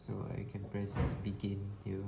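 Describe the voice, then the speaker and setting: A man's voice: lowish voice, completely flat delivery, normal speed, gravelly. A man thinking aloud as a test participant, hesitantly narrating his steps as he tries out an app. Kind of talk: thinking aloud while trying an app prototype. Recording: noisy room recording.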